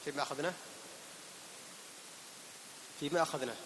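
A man teaching tajweed to a class, patiently asking his students questions and slowly demonstrating the pronunciation of words. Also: on the high side, big-room sound, background noise. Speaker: Quran recitation teacher.

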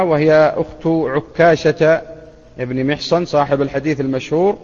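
A man giving a religious lesson, explaining a classical text in a measured way, pausing and correcting himself at times. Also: a little high. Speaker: Islamic scholar teaching hadith. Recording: dull lo-fi sound with long reverb.

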